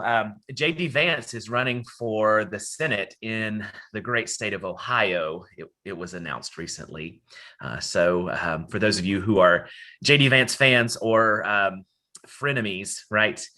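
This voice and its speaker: Man, Appalachian accent, bright forceful tone, informal online presenter, discursive, folksy academic wording. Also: on the low side. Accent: Southern Appalachian. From Southern Appalachia, United States. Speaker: academic presenter, college dean. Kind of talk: informal online talk to participants. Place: at home, on a video call.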